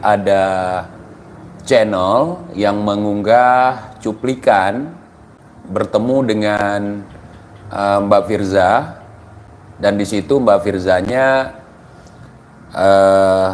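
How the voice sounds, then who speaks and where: A man hosting a live stream, giving his commentary in a measured, deliberate way and speaking to his viewers. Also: on the low side, a little hiss or hum.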